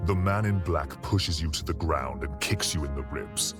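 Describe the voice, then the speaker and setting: A man's voice: extremely low pitch, moderate pace. A man reading scripted, dramatic narration as the narrator of a game. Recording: music behind the voice.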